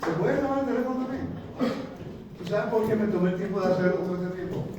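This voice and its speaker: A man teaching a congregation in a church hall, animated and often tossing questions to the listeners. His voice sits fairly high. It was picked up from a distance in a strongly echoing room with faint background noise. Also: quick pace. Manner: animated, asks the audience questions. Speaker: seminar teacher. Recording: very echoey hall, distant mic.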